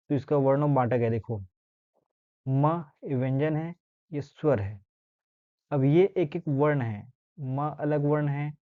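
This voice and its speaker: A male teacher giving a grammar lesson, explaining step by step and slowly sounding out letters, often checking in with his listeners. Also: fairly high pitch. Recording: dull lo-fi sound.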